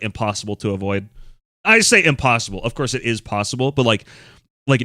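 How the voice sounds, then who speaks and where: A man's voice: medium pitch, sharp tone, no echo, clean studio sound. A young American man commenting casually on a live stream, rambling with lots of fillers, wry and blunt.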